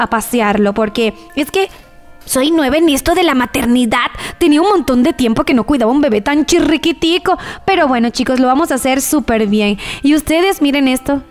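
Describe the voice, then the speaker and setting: A young woman giving bubbly, gushing commentary on a mobile game, using many diminutives and talking straight to her viewers. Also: sits high. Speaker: gaming YouTuber.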